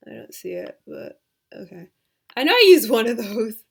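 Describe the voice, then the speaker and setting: Gravelly-voiced woman thinking aloud. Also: a little high, very animated, normal speed. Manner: casual, hesitant, thinking aloud with many fillers. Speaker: software tutorial host. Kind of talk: screen-recorded tutorial.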